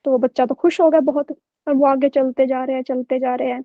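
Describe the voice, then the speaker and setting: A woman's voice: sits high, steady tone, brisk, no room sound, lo-fi sound. A woman teacher telling a story to her online class in a chatty way, often checking in with her students. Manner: chatty, keeps checking with "okay?".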